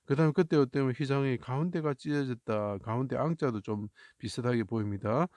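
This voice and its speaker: A man's voice: medium pitch, brisk, darkish tone, no echo. Korean man teaching Bible characters. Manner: explains step by step, rises to fervent cries when quoting scripture. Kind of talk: lecture on Chinese characters in the Bible.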